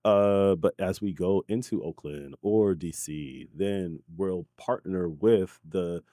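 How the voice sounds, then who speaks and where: A man's voice: deep voice, slow pace, dry recording, clean studio sound. A man born in Haiti and raised in New York City, a guest in a casual interview who keeps tagging his points with "right?" and "you know?". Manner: animated, tags lines with "right?" and "you know?". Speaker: guest, community founder.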